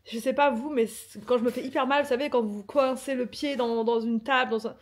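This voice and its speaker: Brief: young woman, family vlogger, casual chatter, a touch high-pitched, laughs through complaints. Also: fairly even intonation, fairly quick. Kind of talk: casual vlog chat.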